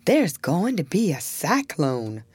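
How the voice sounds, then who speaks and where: A woman's voice: sits low, big pitch swings, takes it slowly, darkish tone, slightly rough, no echo, full character voice. A woman voicing a lazy, teasing male beaver in a storybook reading.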